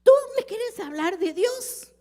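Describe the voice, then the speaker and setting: A woman's voice: animated, slow, a little mellow, full character voice. A woman doing a scoffing, proud skeptic. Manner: mocking, high-pitched incredulous questions. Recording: echoey church hall.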